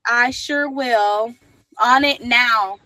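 A woman's voice: a little high, drawn-out words, sharp tone, dry recording. A woman hosting a casual livestream chat, laughing often and calling viewers "my love". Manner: laughs often, affectionate, calls people "my love". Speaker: livestream host.

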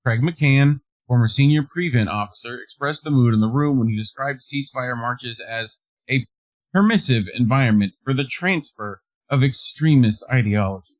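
A man's voice: mid-range voice, moderate pace, dry recording, low-quality recording. Dry-voiced man reading news with wry asides. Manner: reads articles, breaks off with laughs and wry asides. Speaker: co-host. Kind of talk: reading news aloud and commenting.

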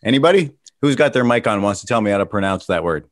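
A man's voice: on the low side, lively intonation, fast talker, dry recording. Chatty self-mocking comedian man. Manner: self-mocking, chatty, laughs at his own jokes. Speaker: stand-up comedian hosting a virtual show. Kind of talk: casual stand-up comedy over a video call. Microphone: video call.

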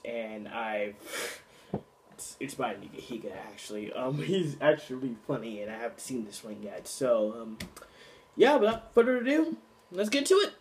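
A man's voice: mid-range voice, a little hiss or hum. A young man hosting a casual reaction video, laughing often between comments. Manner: giggly, breaks into frequent laughter.

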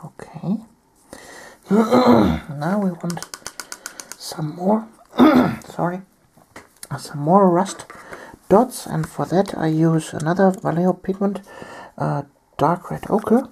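A woman from Germany, talking softly through a painting tutorial while she has a cold and keeps clearing her throat. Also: fairly low pitch, slow pace, pauses often. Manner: soft-spoken, often near a whisper. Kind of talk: step-by-step tutorial narration.

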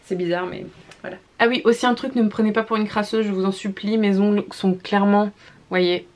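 A young woman, a mother, chatting casually in a haul vlog, gushing about baby clothes and often repeating words and filling pauses with "euh". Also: medium pitch, fairly even intonation.

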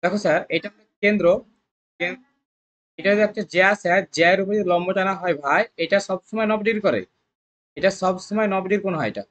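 Coaching-centre math tutor, mid pitch, rapid, drills students with constant questions. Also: a bit bright. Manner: coaxing, repetitive. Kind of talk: exam-prep math lesson.

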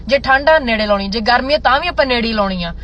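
A young woman chatting casually and opinionatedly, with animated, exasperated, dramatic emphasis and English mixed in. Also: fairly high pitch, fast talker, a little hiss or hum. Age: young adult. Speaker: vlogger. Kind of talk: casual opinionated chat to camera, mixing in English.

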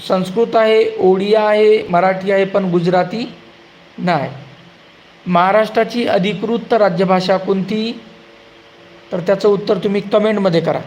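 A man reads out exam-prep quiz questions in a fairly high voice. He takes his time and stretches out each answer slowly. A faint hum sits under the recording. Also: steady tone, darkish tone, rough recording. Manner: asks a question, then gives the answer slowly and drawn out.

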